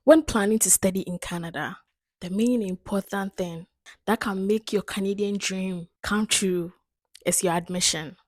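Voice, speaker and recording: A woman with a Ghanaian accent hosts a video offering advice to international students, speaking at a mid-range pitch and moderate pace. She explains emphatically, repeating her points to drive them home.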